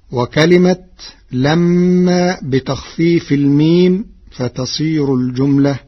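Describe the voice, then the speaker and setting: A man from Egypt giving a measured, precise radio lesson on Quran readings, in a dull lo-fi radio recording. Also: on the high side, husky. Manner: slow, measured, precise explanation.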